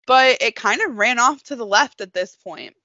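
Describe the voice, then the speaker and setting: A young woman with a bright, fairly high voice tells a creepy tale on her podcast in a loose, chatty way. She laughs often and leans on "like" as she goes. The sound is dry and a bit dull. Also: moderate pace, dry recording. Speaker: podcast host. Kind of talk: casual storytelling podcast. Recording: dry, slightly dull remote recording.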